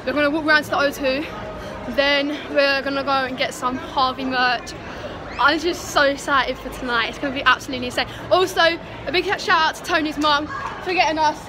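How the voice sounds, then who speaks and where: A woman with a British accent vlogging to camera in a gushing, excitable way, repeating words for emphasis. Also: high voice, fairly quick, a crowd in the background. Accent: British English. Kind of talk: casual vlog to camera. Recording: noisy handheld vlog audio.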